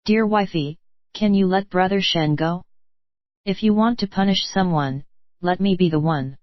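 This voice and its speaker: A scared husband begging to protect his friend, read out by a woman's text-to-speech voice. The voice stays low and even throughout. The sound is dry and a little muffled. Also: no room sound, lightly acted. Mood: pleading. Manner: pleading, hurried. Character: frightened henpecked young nobleman.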